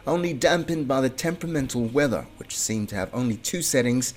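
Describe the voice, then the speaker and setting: Mid-pitched man narrating a news report. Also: expressive, fairly quick, a little mellow.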